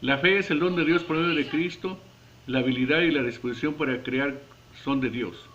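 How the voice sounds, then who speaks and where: A man earnestly reading a devotional Bible commentary at a measured pace, with occasional stumbles, closing in prayer. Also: fairly high pitch, a bit bright, muffled recording, slight background noise. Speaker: devotional preacher.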